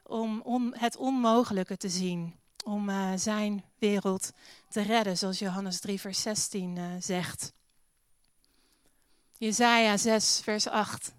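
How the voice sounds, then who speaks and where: A woman's voice: medium pitch, steady tone, takes it slowly, clean tone, studio quality. A woman preaching a sermon in a church hall, earnest, reading scripture aloud and leading a prayer, with an occasional English phrase.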